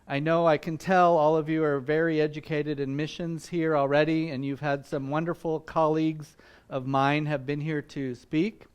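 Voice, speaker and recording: A man's voice: fairly high pitch, flat delivery, moderate pace, clear, resonant tone. A man in his sixties whose first language is Vietnamese, giving a friendly, conversational missions talk at church with many ums and uhs. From Vietnam and Malaysia. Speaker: visiting missions speaker. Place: church meeting room.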